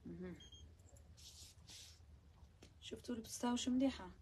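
A woman speaks at a quick pace in a medium-pitched, slightly mellow voice, with faint background noise. Her accent is Algerian Arabic, and in this chatty live try-on she shows viewers abayas, lavishing praise on each, mixing in French words and occasionally going almost to a whisper.

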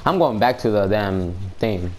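A young man recording gameplay for his video channel, chatting casually with a friend, excitable and full of slangy trash talk and swearing. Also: low voice, normal speed. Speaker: gameplay YouTuber.

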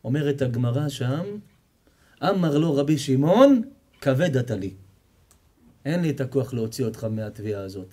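A man's voice: medium pitch, long pauses. A man, a rabbi, giving a sermon full of stories, acting out the characters and joking with the audience. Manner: animated storytelling, acts out characters, jokes and quizzes the audience. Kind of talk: sermon with storytelling.

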